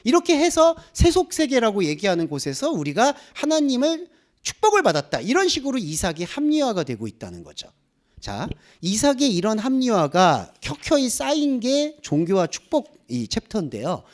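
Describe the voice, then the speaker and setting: A man's voice: high-pitched, huge pitch swings, normal speed. A man preaching a sermon as a pastor, asking the congregation rhetorical questions. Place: church.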